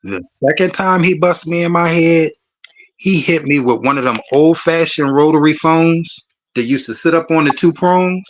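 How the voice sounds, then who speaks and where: A man's voice: fairly high pitch, normal speed. A man, telling a personal story on a discussion panel in an emphatic, profane, conversational way.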